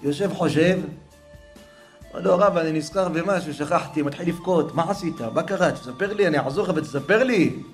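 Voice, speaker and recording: Male preacher, slightly high voice, dramatic storyteller, soft music underneath. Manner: dramatic, swings from hushed to raised voice. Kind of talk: religious storytelling.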